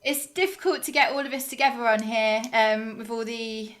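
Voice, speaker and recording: Bright high-voiced chatty woman. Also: steady tone, normal speed. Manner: chatty, reads out viewer comments, frequent "um". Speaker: lead singer of a soul band. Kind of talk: casual live-stream chat. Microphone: video call.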